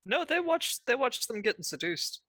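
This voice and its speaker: Animated man tossing out joking asides. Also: very high-pitched, moderate pace, no echo. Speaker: podcast co-host. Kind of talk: casual chat.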